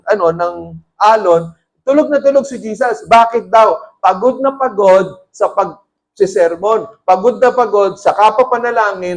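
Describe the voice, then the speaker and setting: A man with a Filipino accent preaching a sermon as pastor, mixing Tagalog and English and acting out quoted lines with a raised voice. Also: high-pitched.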